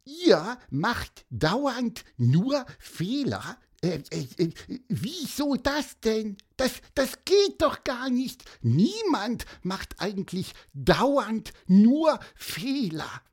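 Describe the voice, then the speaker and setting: A woman's voice: fairly high pitch, sing-song, very slow, few pauses, darkish tone, husky, exaggerated voice. A woman voicing a small, eager, helpful bird in an audio storybook, chatty and stammering with fillers.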